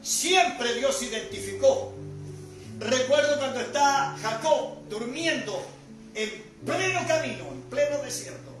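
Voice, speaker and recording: An older male pastor preaches with a strikingly high voice, rising to loud bursts and sinking to near-murmurs. He sounds distant from the mic in a heavily echoing church hall, with music playing underneath. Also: slow pace. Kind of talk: sermon. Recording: echoey hall from far off with music.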